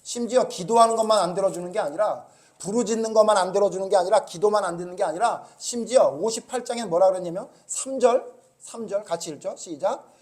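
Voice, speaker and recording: A male pastor delivers a Sunday sermon in a rather high voice. He peppers the congregation with rhetorical questions and swings from raised, scolding emphasis to low, hushed asides. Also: quick pace. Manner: animated preaching, rising loud when scolding, dropping low and quiet.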